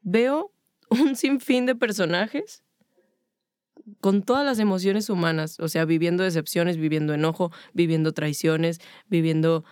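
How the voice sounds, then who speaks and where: A woman's voice: fairly low pitch, measured pace, darkish tone, clear, resonant tone, no echo, studio quality. A woman with a Mexican accent talking casually about faith and emotions, stacking up long spoken lists. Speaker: podcast co-host.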